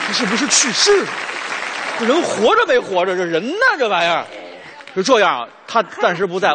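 A man doing live crosstalk comedy, firing back exasperated, quick retorts at his partner. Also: high voice. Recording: live stage with audience noise.

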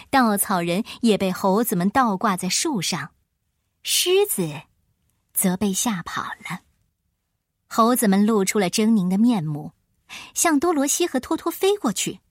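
Woman storyteller, expressive children's narration, animated pitch, slightly husky, dry close sound. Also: dry recording.

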